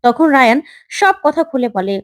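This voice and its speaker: A woman retells a serial's episode step by step and speaks straight to her viewers. Her voice is high and steady. The recording is close and dry. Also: moderate pace, dry recording. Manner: plain, steady storytelling that addresses the viewers. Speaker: storyteller recapping a TV serial. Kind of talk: story recap narration.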